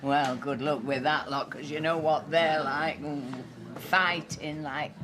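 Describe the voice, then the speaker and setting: A woman's voice: sits low, fairly even intonation, slow, noisy background. A chatty village woman. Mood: gossipy. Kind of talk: TV soap drama.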